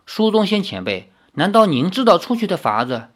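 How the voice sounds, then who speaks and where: A young male hero, as a reader puts him on, asks blunt, puzzled questions. His pitch rises and swings a great deal. It is a storybook reading. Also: sing-song, normal speed, fairly bright tone. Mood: questioning. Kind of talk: audiobook reading.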